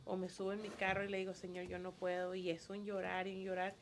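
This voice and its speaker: A woman's voice: medium pitch, completely flat delivery, quick pace, noisy background. A woman and schoolteacher leading a Bible study, sharing a personal story in an earnest, emotional way. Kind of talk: casual testimony in a Bible study.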